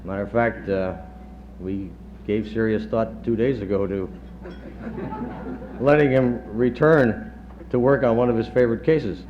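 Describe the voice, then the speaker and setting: A middle-aged man, a chief of staff, giving a halting tribute speech with dry humor, heard on old worn reel-to-reel tape. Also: fairly low pitch, fairly even intonation. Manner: halting, many pauses and fillers, dry humor. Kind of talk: after-dinner tribute speech. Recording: dull worn 1970s tape with faint hum.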